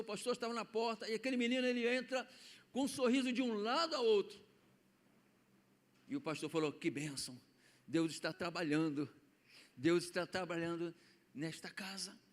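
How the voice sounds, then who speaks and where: A Brazilian pastor with a notably high voice preaches from a church pulpit. He tells a story in a sermon style, dropping to hushed tones and then rising to loud declarations. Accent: Brazilian Portuguese. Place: church sanctuary.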